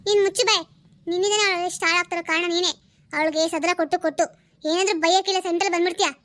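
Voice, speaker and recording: A woman voicing a sharp-tongued, nagging mother who scolds her grown daughters in a cartoon family drama. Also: very high-pitched, fairly even intonation, racing, no echo. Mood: scolding.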